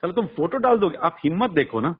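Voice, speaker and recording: Speaking fast in a high, husky voice with big pitch swings, a music artist's manager argues his case in a heated phone interview. He's blunt and emphatic, relying on rhetorical questions, and the call is recorded in muffled lo-fi quality.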